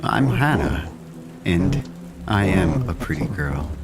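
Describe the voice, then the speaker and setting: A man voicing a creepy elderly man who poses as a pretty girl, with a hoarse, leering manner. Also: sits low, sing-song, takes it slowly, over loud music, heavily acted.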